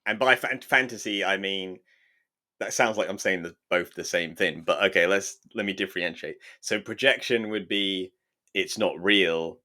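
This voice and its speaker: A man's voice: low voice, moderate pace, bright, forceful tone. A man co-hosting a casual podcast, teasing his co-host and thinking aloud with restarts.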